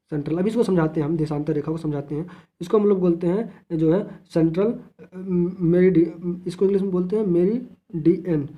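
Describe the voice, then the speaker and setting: A man's voice: high-pitched, mellow. A man teaching a geography lesson, repeating key terms, asking and answering his own questions, and addressing the viewers as friends.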